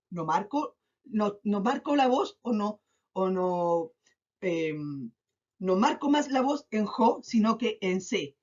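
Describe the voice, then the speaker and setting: A woman teacher giving a recorded class, patient, drawing out syllables slowly and checking in often. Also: on the high side. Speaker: school teacher. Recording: dull lo-fi recording.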